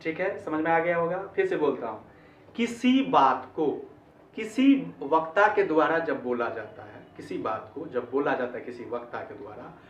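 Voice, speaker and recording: A man's voice: on the high side, expressive, moderate pace, a little hiss or hum. A man teaching an online English grammar lesson, explaining in Hindi, repeating phrases and checking with "ठीक है?". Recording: echoey, distant, dull-sounding recording.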